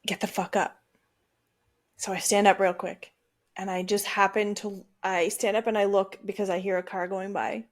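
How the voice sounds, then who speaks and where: A woman's voice: mid-range voice, little pitch movement, moderate pace. A woman hosting a podcast, telling a personal story casually and animatedly, swearing freely and acting out her own reactions. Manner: checks in with the listener often. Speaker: podcast host.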